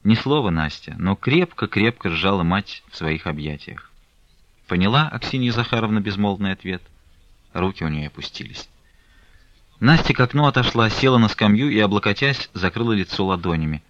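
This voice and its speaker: Low-voiced man reading a classic novel. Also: no echo. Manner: measured, expressive narration. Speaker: audiobook narrator. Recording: dull lo-fi recording.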